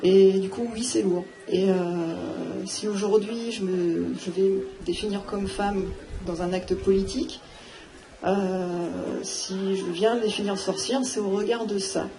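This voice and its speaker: A woman speaking on a live round-table panel, thinking aloud with many pauses and fillers. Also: mid-range voice, fairly even intonation, warm tone. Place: theatre hall. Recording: noisy live room recording.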